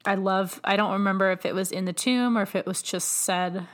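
A woman's voice: medium pitch, steady tone, fairly quick, a bit bright. A young woman co-hosting a podcast in casual chat, chatty and opinionated, with skeptical asides. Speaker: podcast co-host.

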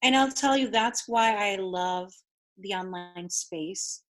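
A woman whose first language is Spanish hosts a conversation as a business coach, telling animated stories. Her voice sits at a middling pitch, and she speaks with plain everyday energy. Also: takes it slowly. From New York City. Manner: animated storyteller, acts out quoted voices. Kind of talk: conversational interview.

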